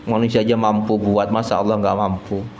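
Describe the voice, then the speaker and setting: A man's voice: fairly low pitch, level tone, brisk, a little mellow, dull audio. Folksy man preaching. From East Java, Indonesia. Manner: folksy, keeps addressing listeners as sir, chuckles at own jokes. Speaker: religious teacher. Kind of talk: mosque study sermon. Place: prayer hall with echo. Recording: echoey prayer hall, faint noise.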